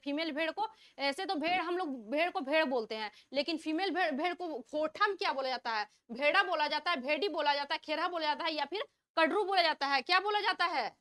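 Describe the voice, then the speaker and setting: Woman teacher, high bright voice, reads out options and asks each question twice. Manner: asks questions and repeats them before answering; reads out multiple-choice options. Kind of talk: online exam-prep vocabulary lesson.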